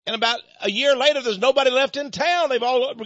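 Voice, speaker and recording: A man's voice: very high voice, a little fast, fairly bright tone, dry recording. A man hosting a talk show, delivering an opinionated monologue in a sarcastic, mocking way. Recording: dull lo-fi sound.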